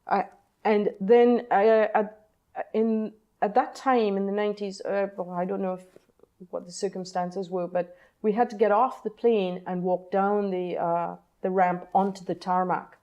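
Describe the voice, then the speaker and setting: A woman in her sixties from Trinidad, a novelist recounting personal stories in an interview, pausing often with ums and uhs. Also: medium pitch, little pitch movement, dark tone, dull audio. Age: 60s. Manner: hesitant, many ums and uhs, thoughtful. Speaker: novelist, guest. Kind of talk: reflective personal storytelling in interview.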